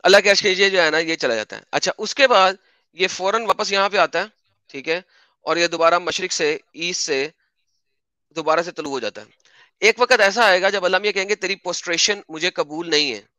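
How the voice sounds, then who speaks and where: A high, piercingly bright male voice, recorded close and completely dry. He hosts an online debate and argues with a teasing, mocking edge, drawing out his lines for effect. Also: brisk, no echo. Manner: mocking, theatrical when reading quotes. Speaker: debate host. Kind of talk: online debate with screen share.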